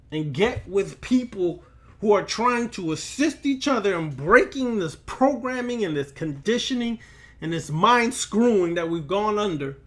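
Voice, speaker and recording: In a high voice, an occult lecturer and teacher preaches to camera in an impromptu, sermon-like lecture. He speaks straight to the listener, admonishing and emphatic, and keeps repeating words and phrases to add weight.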